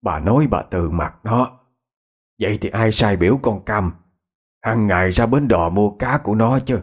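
A man's voice: fairly low pitch, moderate pace, slightly rough. A man voicing an older countryside father, talking in a hesitant, coaxing way with stammers. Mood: reproachful.

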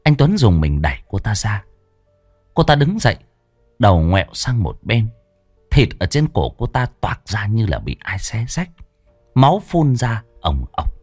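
A man narrating a horror story in a slow, dramatic, hushed manner. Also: fairly low pitch, huge pitch swings, no room sound, studio quality. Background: faint music.

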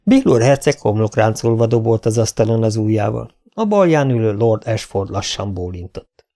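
A man reading a fantasy audiobook as narrator, in an even storytelling manner. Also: lowish voice.

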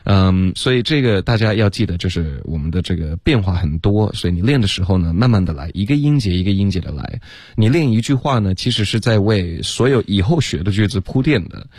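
A man's voice: on the low side, animated, a little fast, darkish tone, husky, no echo. A man teaching English pronunciation on a radio lesson, patient and explaining sounds step by step. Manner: patient, breaks sentences into sounds, slips into English. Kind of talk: radio lesson, co-hosted chat. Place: radio studio.

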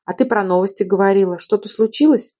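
A woman's voice: medium pitch, quick pace, slightly rough, close to an everyday voice. A woman reading aloud voices a loving, attentive young husband in an audiobook, speaking tenderly. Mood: concerned. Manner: tender, gentle. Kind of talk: audiobook reading of a romance novel.

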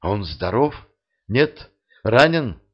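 A frightened young woman partisan, as a man reads her part. She speaks in an anxious, hushed half-whisper, and the recording sounds dull and lo-fi. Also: on the low side, sing-song, slow pace, exaggerated voice.

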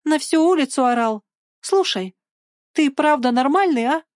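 A woman voicing a cheeky, bossy young girl with a teasing, sharp-tongued manner in a storybook reading. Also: sits high, lively intonation, moderate pace, no room sound, clean studio sound, pitched above the performer's own voice. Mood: mocking.

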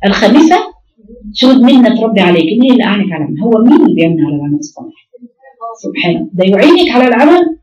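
This Egyptian-accented religious teacher speaks very fast in a sing-song, highish, darkish voice while instructing women. Rhetorical questions and enumerated points mark her lesson, and the sound is roomy, distant, dull, and lo-fi.

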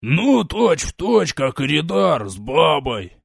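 A man voicing a loud, jovial old guard who hollers his words in an audiobook. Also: fairly high pitch, sing-song, slow pace, creaky, breathy edge, dry recording, studio quality, voice pushed up, heavily acted.

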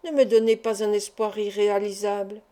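A woman's voice: mid-range voice, flat delivery, brisk, warm tone, close to an everyday voice. A woman voicing an earnest, emotional young man who pleads with an older friend, in a read-aloud novel. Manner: emotional, imploring.

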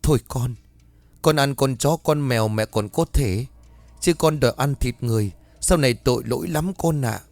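A man's voice: mid-range voice, moderate pace, creaky, a little mellow, no echo, soft background music, lightly acted. A man voicing a frightened middle-aged mother who pleads with her possessed child, desperate and tearful, in a horror audiobook. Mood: pleading.

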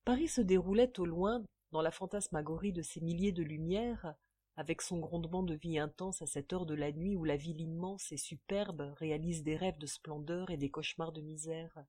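A woman narrating an old French novel in a measured, expressive storytelling manner. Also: low voice, slightly rough. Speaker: audiobook reader. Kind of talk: scripted narration.

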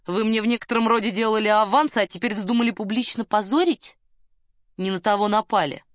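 A woman voicing a pompous, boastful male colonel who flirts in a low, smug murmur, in an audiobook. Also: expressive, normal speed, no room sound, clean studio sound, close to an everyday voice. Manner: smug, lowers voice to a suggestive murmur.

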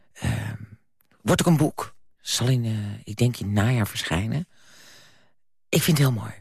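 A man's voice: mid-range voice, vocal fry, darkish tone, husky, no room sound, studio quality. A man hosting a radio programme, presenting casually and hesitantly with many fillers. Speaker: radio host.

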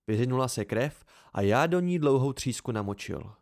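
A man narrating a first-person fantasy novel as an amateur audiobook reader, in a measured, even storytelling way. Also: medium pitch.

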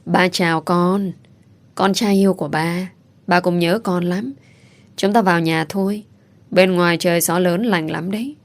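A woman doing a gentle, tender young father. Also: on the low side, natural voice. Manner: soft, slow, tender.

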